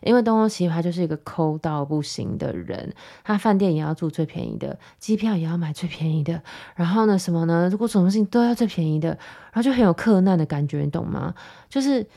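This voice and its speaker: A woman hosts a podcast and tells a personal story in a casual monologue. Her voice sits a little low, and her delivery is chatty and animated, with sarcastic asides. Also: a little fast, vocal fry. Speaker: podcast host.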